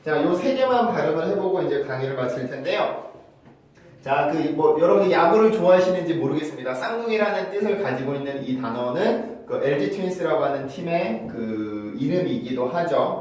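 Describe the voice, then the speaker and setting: A man teaching English pronunciation in an online lesson, repeating model words slowly in drills. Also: fairly high pitch, expressive, darkish tone, heavy reverb, recorded from a distance, rough recording. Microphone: lavalier or shotgun mic on phone camera.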